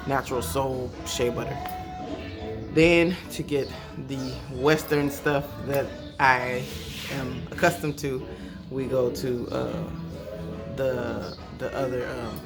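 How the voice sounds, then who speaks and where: A woman in her thirties with an American accent, chatting casually and slangily to her vlog viewers. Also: extremely low pitch. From Los Angeles, USA. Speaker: vlogger.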